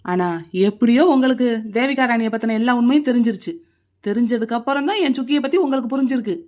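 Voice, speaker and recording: A man's voice: very high voice, fast, a little mellow. A performer voicing a hot-tempered, stubborn young man in a cartoon, blunt and angry. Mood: indignant.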